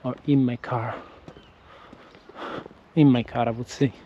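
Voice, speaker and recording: The sound is lo-fi with a little hiss or hum, recorded on a windscreen-equipped action camera. A man of medium pitch speaks unhurriedly with fairly even intonation, his Italian accent marking him as a non-native English speaker. Vlogging casually on an outdoor walk, he is hesitant and keeps restarting and self-correcting.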